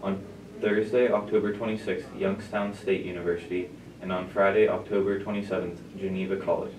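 A man reading morning school announcements as a student announcer in a steady, plain way, heard through a loudspeaker. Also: low-pitched, brisk, roomy sound, distant mic, a crowd in the background, poor audio.

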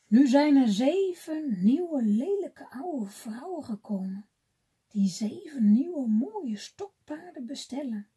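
A woman reading a children's fairy tale aloud gently, often dropping to a whisper. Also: sits high, big pitch swings, slow pace. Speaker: storybook reader.

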